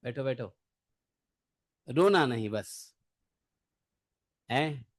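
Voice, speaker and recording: Slow-talking man teaching a scripture class. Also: medium pitch, expressive. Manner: conversational, asks the class rhetorical questions. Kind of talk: devotional scripture lecture.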